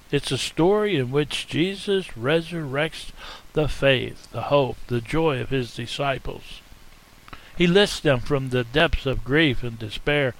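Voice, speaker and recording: Gravelly, slow-paced male pastor preaching. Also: medium pitch, poor audio. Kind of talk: sermon.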